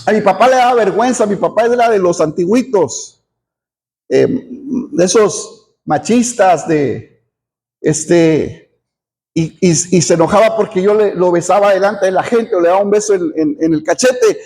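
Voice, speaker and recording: Middle-aged pastor, male, very high voice, earnest sermon delivery with repeated words. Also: unhurried, darkish tone. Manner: earnest preaching with repeated words and an occasional amen.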